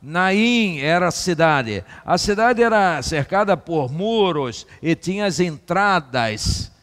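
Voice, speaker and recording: A man preaching a sermon as pastor, slow and dramatic, with rhetorical repetition. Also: sits high, lively intonation, fairly bright tone, long reverb tail. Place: church hall.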